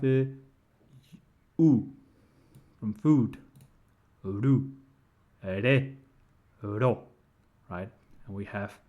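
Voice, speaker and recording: A man giving a casual screen-share tutorial, explaining step by step and often checking in with "right?". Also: medium pitch. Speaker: language tutor.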